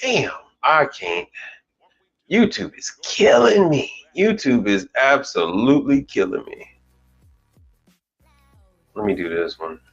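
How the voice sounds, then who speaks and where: With a mid-range, sing-song voice, this American channel host in his forties takes things slowly and pauses often during a casual live stream. A commercial appliance repair technician, he rambles, swears mildly, and keeps restarting sentences. Faint music plays behind the dull, lo-fi audio.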